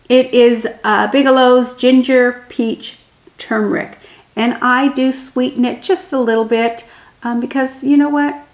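A woman in her sixties talks to camera at home in a slow, unhurried, soft-spoken way, filling pauses with gentle ums. Her level pitch sits in the middle. The roomy dining room adds an echo to her voice. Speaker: homemaking vlogger.

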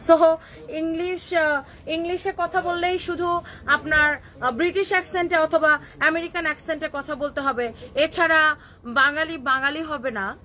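A woman's voice: high-pitched, fairly even intonation, measured pace, long pauses, bright, forceful tone. A woman with a Kishoreganj Bengali accent from Bangladesh, scolding viewer comments on a live stream and mixing English words into her Bengali. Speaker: clothing shop owner hosting a live stream.

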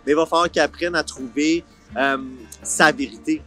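In an outdoor park film set, a series creator in his forties from Ottawa, Canada, chats casually with an interviewer in a Franco-Ontarian accent. His voice is fairly high with fairly even intonation at normal speed, he drops English words into his colloquial speech, and soft music plays beneath him.

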